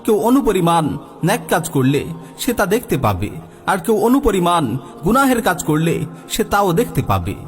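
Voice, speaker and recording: A man's voice: sits high, wildly swooping pitch, moderate pace, faint music behind. A man delivering an earnest religious sermon, addressing listeners directly and chanting Arabic verses between his own explanations. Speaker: preacher. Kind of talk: religious sermon with Quran recitation.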